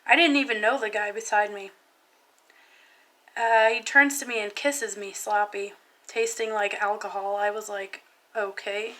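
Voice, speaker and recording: Young woman, bright and clear tone, hesitant spoken-word poem reading. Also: mid-range voice, steady tone, poor audio. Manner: soft, halting and hesitant. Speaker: vlogger.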